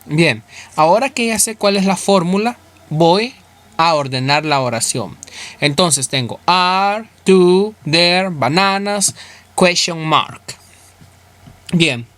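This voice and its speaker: Male teacher, slightly high voice, thinks aloud and answers his own questions. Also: lively intonation, slow, a bit bright. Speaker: English teacher. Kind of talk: explaining grammar step by step, thinking aloud.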